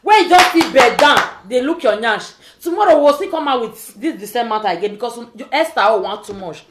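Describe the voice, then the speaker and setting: Scolding in pidgin like a social media vlogger, a woman with a West African accent rants informally and repeatedly hammers rhetorical questions. Her high voice is very animated and brisk. The audio is very noisy and echoes as if in a roomy space.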